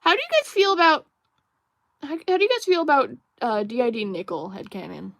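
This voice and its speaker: A woman's voice: high voice, wildly swooping pitch, brisk, vocal fry, fairly bright tone, dry recording. Rambling young woman streamer, dry sound. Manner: rambling, musing, many fillers and restarts; reads viewer chat aloud. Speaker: livestream host. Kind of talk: casual livestream chat while drawing.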